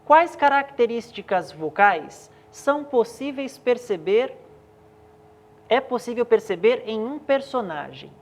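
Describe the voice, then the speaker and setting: A woman teacher leading a remote class at a steady pace, guiding students and asking them questions. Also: fairly high pitch, measured pace.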